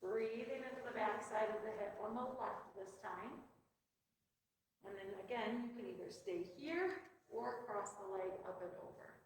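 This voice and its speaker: Gentle woman teacher talking a class thru stretches n breathing, super echoey, bit of background noise. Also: mid-range voice, normal speed. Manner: gentle, encouraging, instructional. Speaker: yoga and meditation instructor. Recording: very echoey room, distant mic, faint noise.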